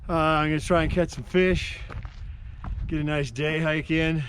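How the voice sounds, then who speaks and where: A man's voice: on the high side, steady tone, normal speed, a bit bright, slight background noise. A man narrating his day hike on a mountain trail, easygoing and joking, a bit out of breath, recorded outdoors on a handheld camera. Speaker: hiker vlogger.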